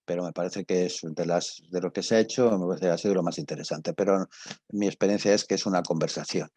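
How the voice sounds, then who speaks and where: Speaking with a Spanish accent, an older male guest speaker who teaches radio drama gives a casual talk and takes questions. His husky, low-pitched voice is a little mellow with fairly even intonation, and he halts, stresses points and repeats himself. There's no echo.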